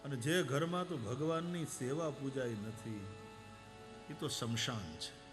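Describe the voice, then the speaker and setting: A man's voice: mid-range voice, a little slow, over music. A man giving a devotional sermon, telling anecdotes, acting out quoted voices and singing verses. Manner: animated, acts out quoted voices, sings verses. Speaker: religious storyteller.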